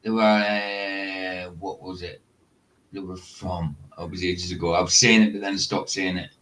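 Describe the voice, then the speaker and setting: A man's voice: sits low, little pitch movement, normal speed, a bit bright, a little hiss or hum. A Scottish man from the northeast of Scotland hosting a livestream, chatting in a rambling way and laughing often. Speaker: livestream host. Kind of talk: casual chat.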